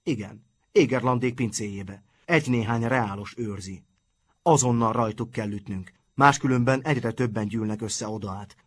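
A man voicing a decisive schoolboy class leader laying out a plan, brisk and commanding. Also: medium pitch, no room sound, natural voice.

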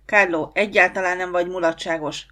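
A curt, irritable young man who grumbles his lines, voiced by a woman reading an audiobook. The tone is low and clipped. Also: natural voice. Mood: irritated.

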